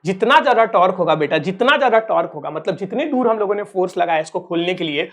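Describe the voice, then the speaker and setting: This online exam-prep physics lecture comes from a man from Uttar Pradesh, India, whose high voice is animated, fast, and fairly bright. He teases his students playfully and calls them kids.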